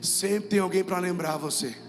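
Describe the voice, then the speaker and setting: A man's voice: high voice, moderate pace, in a large hall, noisy background. A man with a Brazilian Portuguese accent preaching a sermon as pastor, emphatic and repetitive, calling on the congregation to repeat after him. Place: church hall with music.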